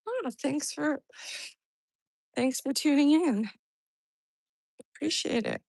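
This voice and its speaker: A woman's voice: sits high, lively intonation, slow pace, creaky, a little mellow, no echo. A woman chatting casually to livestream viewers while out walking for exercise, rambling and thinking aloud. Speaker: livestreamer greeting and answering viewers. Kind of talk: casual livestream chat to followers. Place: outdoors on a walk in hot weather.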